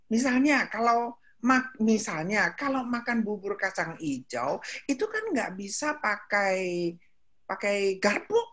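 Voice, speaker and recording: Older woman preacher, breathy and animated, tells stories and drops English words. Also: fairly high pitch. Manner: chatty storytelling, animated, switches into English. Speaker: speaker at a women's ministry meeting. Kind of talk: sermon.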